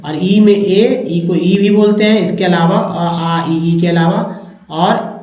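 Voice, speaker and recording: A man teaching an English pronunciation lesson, explaining step by step and slowly repeating each vowel sound while addressing viewers as friends. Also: sits high, fairly even intonation, a little mellow, roomy sound, muffled recording.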